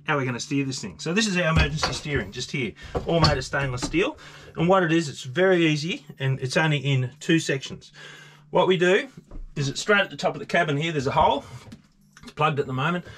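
An Australian man in his fifties, a sailing vlogger, chatting casually to camera on his boat with lots of fillers. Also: fairly high pitch. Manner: relaxed, rambling with many fillers. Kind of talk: casual vlog talk to camera. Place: sailboat deck outdoors, then inside the boat's cabin.

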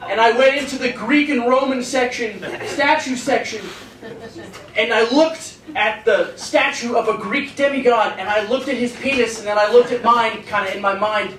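A man's voice: very high voice, normal speed, fairly bright tone. An eighteen-year-old man doing a stand-up comedy routine as a self-deprecating, awkward storyteller into a handheld mic on a club stage. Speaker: stand-up comic. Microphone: handheld stage microphone, recorded from the audience. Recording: roomy club sound, distant, some noise.

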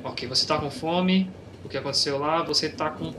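Excitable Brazilian gamer over game noise. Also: male voice, fairly high pitch, normal speed. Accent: Brazilian Portuguese. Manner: casual slangy, reads game dialogue aloud, excitable during fights. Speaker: gameplay youtuber. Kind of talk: let's play commentary. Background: train and game sounds.

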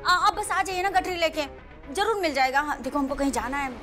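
A flustered young wife stammers and pleads in a high, eager voice. Her talk is anxious and insistent. Loud music runs under this TV drama scene. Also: a little fast. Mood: pleading. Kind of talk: TV drama acting.

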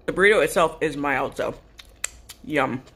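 A woman's voice: lowish voice, fairly even intonation, fairly quick, fairly bright tone, slight background noise. A middle-aged woman giving a casual food review, chewing as she talks, recorded on a phone at arm's length indoors. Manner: chewing while talking. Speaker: food vlogger.

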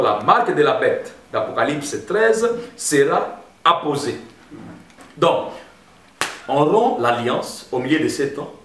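A man preaching a sermon as pastor, emphatic and addressing the congregation as brothers. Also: a little high. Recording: roomy echo, heard from a distance.

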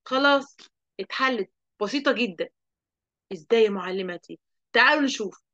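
A woman with an Egyptian accent teaching an online lesson to young children, lively and asking the class questions she then answers. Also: a little high, a little fast, highs cut off. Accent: Egyptian Arabic. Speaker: primary school teacher.

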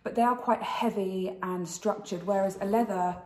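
A woman's voice: mid-range voice, fairly even intonation, moderate pace, darkish tone. A British woman in her thirties hosting a chatty fashion vlog, speaking with a slight impediment from the dental retainers she is wearing. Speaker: fashion channel host. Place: indoors in a kitchen. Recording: roomy kitchen echo.

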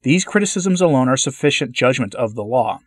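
A man reads a formal church letter aloud at a measured, deliberate pace, sometimes tripping on a word and starting it over. His voice sits at an ordinary middle pitch for a man. The recording is dry and close, with no room sound around it. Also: expressive, no room sound. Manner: measured, deliberate delivery with occasional stumbles and restarts. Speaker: channel host reading a papal letter aloud.

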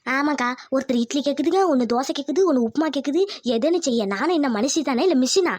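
A woman's voice: sits high, fast talker, darkish tone, close to an everyday voice. A woman playing a frustrated young village wife who complains in an exasperated way.

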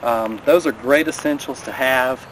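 Filmed on a camera a few steps away, a man in his thirties, a vlogger, gives a casual and practical hiking gear rundown beside a river in a mountain valley, offering friendly recommendations. His mid-range, fairly bright voice is a little slow. The outdoor audio is poor, with clear background noise.

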